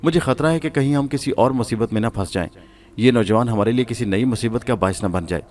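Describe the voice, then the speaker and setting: A man's voice: mid-range voice, darkish tone, a little hiss or hum, lightly acted. Man voicing a wary English commander. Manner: cautious, commanding.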